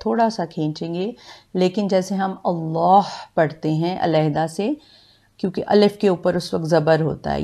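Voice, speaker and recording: Female Quran teacher, Pakistani Urdu accent; very slow, patient drilling delivery with a gravelly edge. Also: low voice, dark tone. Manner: patient, drawn-out syllable drills. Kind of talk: slow step-by-step pronunciation lesson.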